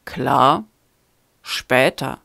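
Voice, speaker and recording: A woman's voice: extremely low pitch, extremely slow, vocal fry, fairly bright tone, dry recording, studio quality, heavily acted. A woman reading the part of a protective, menacing young man in a storybook. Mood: curt. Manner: curt, menacing.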